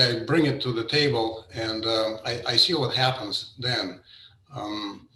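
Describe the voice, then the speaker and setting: A middle-aged man from Russia, a painter giving an informal artist talk over a video call, pausing often with fillers and restarts. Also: mid-range voice, bright, forceful tone, echoey room, rough recording. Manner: hesitant, many fillers and restarts. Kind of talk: informal presentation.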